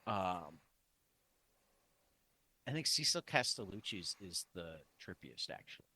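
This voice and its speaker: A man's voice: deep voice, very animated, unhurried, sharp tone, breathy edge. A man co-hosting a comics podcast in casual chat, rambling with many restarts and fillers. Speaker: podcast co-host.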